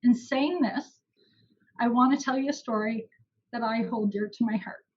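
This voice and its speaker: A woman's voice: a little high, moderate pace, dull audio, a little hiss or hum. A young woman giving an emotional, heartfelt valedictory speech at an online graduation ceremony.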